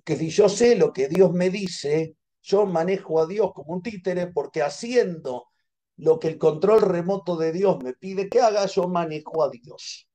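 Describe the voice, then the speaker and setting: Argentine man teaching, dark soft voice. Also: high-pitched, unhurried. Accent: Argentine Spanish. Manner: animated storytelling, repeats phrases for emphasis. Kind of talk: class over a video call. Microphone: video call.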